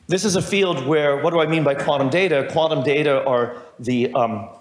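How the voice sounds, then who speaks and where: A man's voice: on the high side, normal speed. A middle-aged man giving a university lecture, wandering through asides with wry humor and frequent self-corrections. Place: lecture hall. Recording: roomy lecture hall sound.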